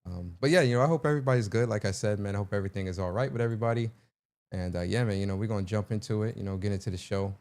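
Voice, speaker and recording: A young man hosts a casual livestream and talks straight to his chat. He is playful and animated, loud and high when teasing, low and quiet in his asides. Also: rapid-fire. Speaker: livestream host.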